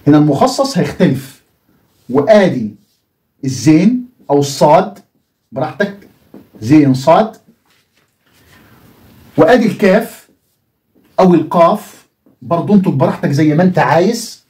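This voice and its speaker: A man's voice: a little high, big pitch swings, normal speed, long pauses, a little mellow. A man with an Egyptian Arabic accent teaching a lesson, asking the viewer questions and answering them himself. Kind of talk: explanatory video lesson.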